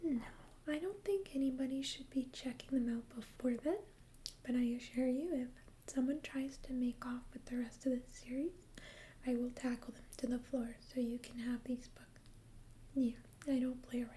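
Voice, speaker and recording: A woman in a whispered role-play as a friendly, chatty librarian, speaking in a soft, breathy library whisper with a gentle, hesitant conversational manner. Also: high voice, steady tone, moderate pace, slight background noise. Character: friendly, chatty female librarian recommending books. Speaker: ASMR role-player as librarian.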